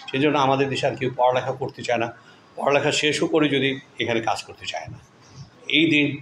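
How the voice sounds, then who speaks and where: A man's voice: medium pitch, a bit bright. A man, teaching a class of children and drilling them, praising and prompting their answers. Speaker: English teacher. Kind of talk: classroom lesson drilling students. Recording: echoey room with faint ambient noise.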